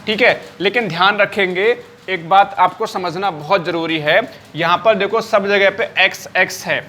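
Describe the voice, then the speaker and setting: Guy teaching live math class, sharp tone, keeps asking if u get it. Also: sits high, moderate pace, slight background noise. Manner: repeats points, keeps checking if students follow. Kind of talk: live online maths lesson.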